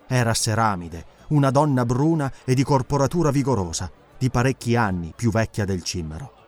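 A man reading an adventure audiobook aloud with dramatic, expressive narration. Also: medium pitch, a little fast, faint music behind. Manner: expressive, animated storytelling.

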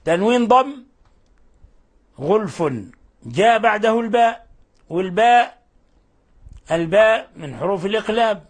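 A man's voice: high voice, lively intonation, a little slow, long pauses. A man teaching a tajweed lesson on Quran recitation, explaining the rules patiently and often repeating and correcting his phrases.

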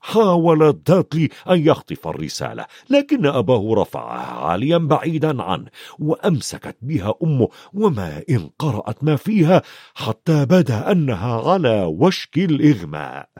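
A man narrating a storybook in an expressive, varied reading. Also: medium pitch, moderate pace, slightly rough, no room sound, studio quality. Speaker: audiobook narrator.

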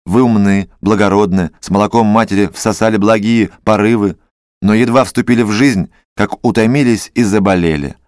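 Brief: male reader as a resigned middle-aged doctor, low soft voice, storybook, dry. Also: normal speed, no echo, lightly acted. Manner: quiet, resigned.

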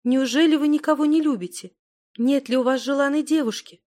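A woman reading aloud voices a young heroine in a storybook, speaking softly and quietly pleading. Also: a little high, moderate pace, lightly acted. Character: young woman torn between love and duty.

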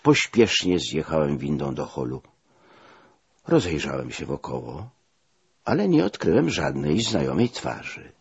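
Low husky-voiced man reading a memoir. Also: sing-song, unhurried, highs cut off. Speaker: audiobook reader. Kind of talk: first-person memoir reading.

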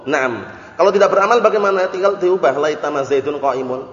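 A man's voice: fairly high pitch, a little fast. A male religious teacher giving a grammar lesson, repeating terms, translating them and often asking whether everyone understood. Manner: keeps checking if listeners understood. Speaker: Islamic teacher. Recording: echoey hall, dull lo-fi audio.

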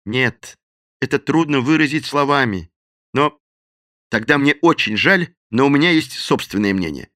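Polite gentle detective, man voicing him, careful and soft, a bit higher, dry close sound. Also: expressive, no echo, lightly acted. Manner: soft, courteous and measured. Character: calm, polite male detective.

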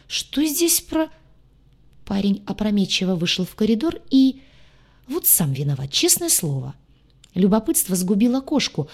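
A woman's voice: on the low side, a little mellow, breathy edge. Woman narrating with wry irony. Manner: wry, ironic storytelling. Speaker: audiobook narrator. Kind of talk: expressive audiobook narration.

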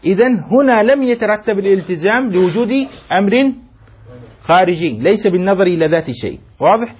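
A man's voice: sits high, expressive, fairly quick, slight background noise. A man sheikh teaching a jurisprudence lesson. He reads a passage, explains it, and keeps asking short questions to check that students follow, mixing formal phrasing with colloquial asides. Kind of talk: classroom text commentary lesson.

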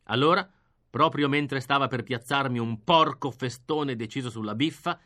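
A man reading an audiobook, narrating in a lively, expressive first-person style. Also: medium pitch, moderate pace. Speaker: reader.

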